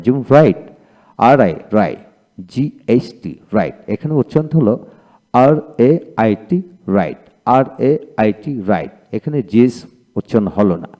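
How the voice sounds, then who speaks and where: A man's voice: on the low side, warm tone. A man with a Bengali accent teaching English pronunciation, reading word lists and repeating each word twice. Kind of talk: pronunciation drill lesson.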